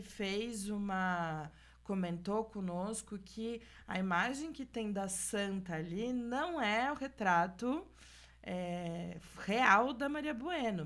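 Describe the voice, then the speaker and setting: A woman co-hosting a podcast, telling stories in casual, chatty talk. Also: medium pitch. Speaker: podcast co-host. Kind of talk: casual chat.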